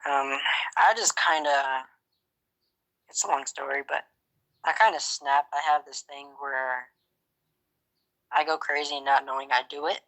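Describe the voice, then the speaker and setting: A man voicing a character in a game roleplay, talking in a halting, hesitant way full of fillers. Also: mid-range voice, fairly even intonation, pushed and bright, poor audio. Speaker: roleplay player.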